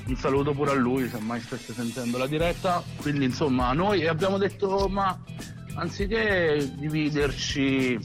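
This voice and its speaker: A man's slightly high voice comes through a speakerphone as he calls in to a radio show. He is from Abruzzo and talks in an easygoing, rambling way, full of fillers. Music plays clearly behind him. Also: moderate pace. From Abruzzo, Italy. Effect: heard over a speakerphone call. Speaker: phone-in guest rapper. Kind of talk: casual radio chat.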